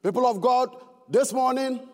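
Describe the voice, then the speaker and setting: Man, Ghanaian accent, preaching a sermon, very high-pitched, emphatic, echoing church hall. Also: moderate pace. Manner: emphatic, shifting between fervent shouts and low earnest tones.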